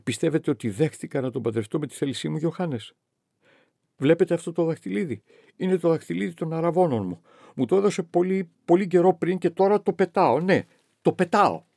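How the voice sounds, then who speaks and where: A man's voice: medium pitch, vocal fry, few pauses, mellow, slightly rough, dry recording, clean studio sound, voice pushed up. A man voicing a grieving, bitter young noblewoman who accuses and pleads in turn, in an audiobook reading. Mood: pleading. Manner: emotional, accusing then pleading.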